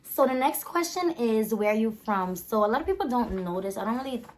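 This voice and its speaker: A woman's voice: a little high, big pitch swings, brisk. Chatty young New woman vlogging. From the Bronx, New York. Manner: chatty, rambling, many "like" and "um" fillers. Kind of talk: casual Q and A chat.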